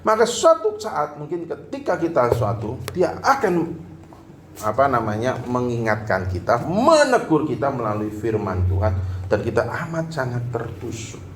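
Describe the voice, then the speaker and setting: A man's voice: mid-range voice, huge pitch swings, moderate pace. A man preaching a sermon in a casual, joking, conversational way. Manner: jokey, conversational, acts out little dialogues. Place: church hall. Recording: echoey room, faint background noise.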